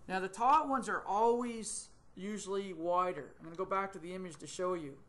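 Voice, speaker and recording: In a screen-recorded software tutorial, a middle-aged male tutor with a fairly high, fairly bright voice works through a 3D modeling task, thinking aloud, filling pauses with ums and correcting himself as he goes. He records on a desktop mic in a small indoor room, his webcam shown in a corner of the screen.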